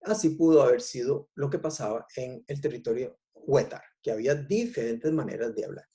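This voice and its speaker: A man with a Costa Rican accent giving an explanatory public talk on language history, unhurried and pausing often with "eh". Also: medium pitch, dark tone. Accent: Costa Rican Spanish. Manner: unhurried, explanatory, frequent "eh" pauses. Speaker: lecturer.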